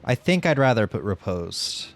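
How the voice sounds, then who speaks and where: A man streaming a video game, chatting casually and reading the on-screen text aloud in a steady narrating tone. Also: fairly low pitch, normal speed, vocal fry, soft background music.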